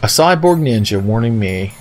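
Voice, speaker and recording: A man's voice: lowish voice, lively intonation, moderate pace, darkish tone. A man giving joking, sarcastic commentary as he plays a video game, swearing casually. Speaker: video game let's player.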